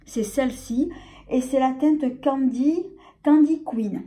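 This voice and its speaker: A woman's voice: sits high, takes it slowly, warm tone. A woman with a French accent reviewing a makeup palette in a casual, hesitant way, full of fillers and restarts. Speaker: beauty vlogger.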